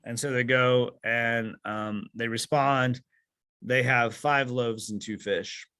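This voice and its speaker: A man teaching a Bible study group over a video call, at a mid-range pitch. He explains patiently, full of "uh"s and restarts, and stops often to put questions to his listeners. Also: steady tone, slow pace, bright, forceful tone, clean tone.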